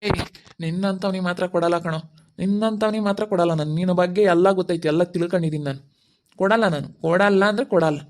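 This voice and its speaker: A man playing an angry middle-aged village father who scolds rapidly, speaking in an amateur family skit. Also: sits high, noisy background, natural voice. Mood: furious. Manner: scolding, threatening, rapid outbursts.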